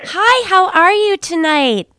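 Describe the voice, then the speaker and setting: A woman's voice: very high-pitched, lively intonation, slow pace, bright, forceful tone, no echo, studio quality. A woman co-hosting a playful radio call-in giveaway, talking cheerfully with callers in a sing-song way. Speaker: radio show co-host. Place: radio studio.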